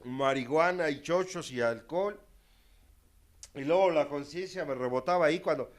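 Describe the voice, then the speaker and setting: Man, testimonial talk, higher-pitched, frank and wry, big swings in volume. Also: moderate pace. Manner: candid, self-mocking, dramatic swings in loudness. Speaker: speaker sharing his recovery story.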